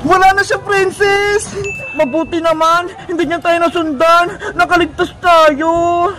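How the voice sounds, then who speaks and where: A woman voicing two panicky young girls in a cartoon, shouting and crying as they run from a deadly game. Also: very high voice, fairly even intonation, measured pace. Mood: frantic. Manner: shouting, frantic, tearful. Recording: music playing behind.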